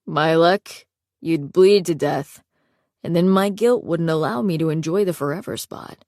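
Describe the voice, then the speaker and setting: A woman voicing a teasing young man with a deep, gravelly voice and dry sarcasm. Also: unhurried, a little mellow, no room sound.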